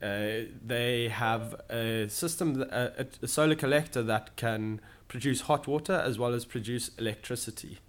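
A young man answers an interviewer's questions. He speaks in a steady, explanatory way and pauses now and then to find his words. He is recorded in an office. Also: medium pitch. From Zimbabwe. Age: young adult. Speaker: guest, solar sales manager. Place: office in London.

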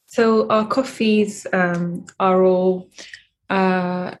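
A coffee company founder from Eritrea answers an interviewer in a measured tone, restarting often and using many fillers. Her voice is mid-range with fairly even intonation, and a little hiss or hum is audible.

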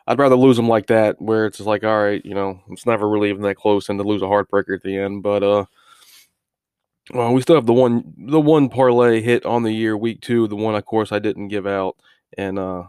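A man hosting an informal solo sports betting recap, speaking haltingly with many filler words and often repeating words as he restarts phrases. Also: on the low side, darkish tone, smooth, no echo, clean studio sound. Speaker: sports betting podcast host.

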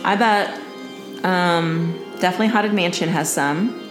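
A woman with a slightly low voice chats casually as a podcast co-host. She reacts fast and laughs often. The room sounds echoey, and music plays clearly behind her. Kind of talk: casual chat.

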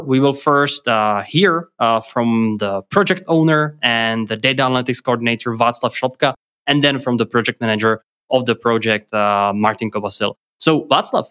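Casting: Czech-accented male co-host, mid-pitched, chatty, laughing, filler-heavy. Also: moderate pace, a bit bright. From Czech Republic. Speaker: podcast co-host. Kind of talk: casual podcast chat.

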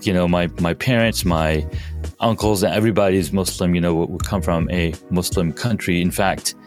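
Low-voiced guy from pakistan, chatting in an interview, lots of uhs and restarts. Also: fairly even intonation, faint music behind. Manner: halting, many fillers and restarts. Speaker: guest. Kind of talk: casual interview talk.

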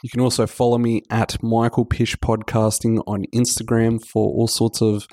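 A man's voice: medium pitch, flat delivery, normal speed, warm tone, no room sound, clean studio sound. A man with a sick voice, hosting a podcast and chatting casually through a film review. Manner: chatty, loose, self-correcting.

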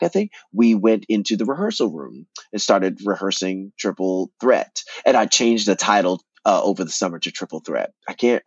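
Low-voiced man, dry dull sound. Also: no room sound. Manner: animated, repeats words and restarts often. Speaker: guest, actor and playwright. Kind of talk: casual storytelling interview.

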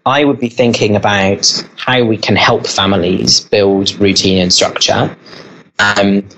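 A man's voice: fairly low pitch, steady tone, a little slow, a bit bright, rough recording. A man who runs a school, answering interview questions in an earnest, explanatory way with occasional fillers and restarts. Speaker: school leader.

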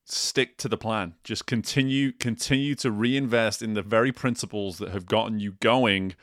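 A man's voice: fairly low pitch, fairly even intonation, moderate pace, a bit bright, no echo, clean studio sound. A man hosting a podcast, summing up an interview in an earnest, upbeat way and often repeating words as he thinks. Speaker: podcast host. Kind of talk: podcast wrap-up talk.

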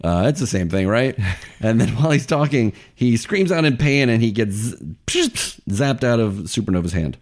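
A man's voice: mid-range voice, expressive, moderate pace. A man in his forties co-hosting a podcast in casual chat, joking and laughing often. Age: 40s. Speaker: podcast co-host.

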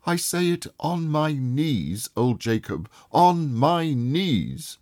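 A man voicing an elderly reformed miser, breathless and overjoyed, exclaiming in a high, excited voice. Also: unhurried, breathy edge, dry recording, studio quality, heavily acted.

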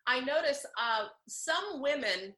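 Woman voice coach, bright and ringing, a little high, teaches by demonstrating. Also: animated, slow. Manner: instructive, demonstrates vocal sounds. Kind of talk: interview answers, coaching demonstration.

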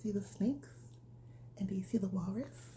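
A bedtime storyteller reads a picture book aloud, nurturing and simple as if addressing a small child, her breathy voice often sinking toward a whisper. She speaks at medium pitch and normal speed with a mellow quality, over slight background noise.

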